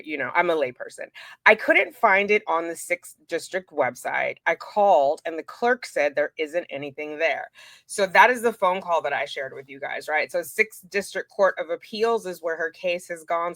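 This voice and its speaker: A woman with a slightly low, bright and forward voice gives casual true crime commentary. She is chatty and informal, talking straight to her viewers and often cutting into her own sentences with asides. The sound is very dry, with no room echo. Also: animated, normal speed. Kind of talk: casual commentary to viewers, walking through documents.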